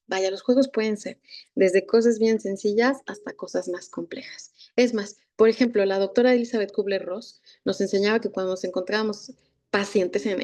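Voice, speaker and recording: A woman's voice: medium pitch, darkish tone. A Mexican woman giving a masterclass as a thanatologist, telling stories and acting out the dialogue. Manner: acts out dialogue, tag questions. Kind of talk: storytelling lecture.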